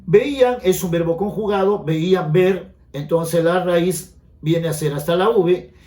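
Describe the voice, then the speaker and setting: A man explains grammar to exam students in a high, clear voice, pausing often to check that his class is following. The sound carries a noticeable room echo. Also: dark tone. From Peru. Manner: explanatory, asks students frequent check questions. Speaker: grammar teacher. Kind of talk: exam-prep grammar lesson.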